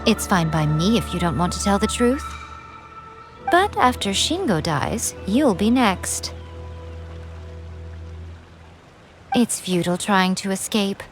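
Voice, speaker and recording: A woman's voice: medium pitch, very animated, unhurried, over music. A woman voicing a sly, imperious shrine priestess in a video game, mocking and composed in manner. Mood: coolly threatening.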